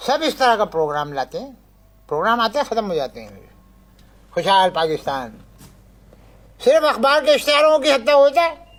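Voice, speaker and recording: Casting: man doing an angry ranting poor guy, high strained voice, keeps interrupting. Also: sing-song, normal speed, long pauses, a bit bright, full character voice. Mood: bitter. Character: fed-up poor man ranting about power cuts. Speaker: comedy sketch character, angry caller-guest. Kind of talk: satirical TV sketch.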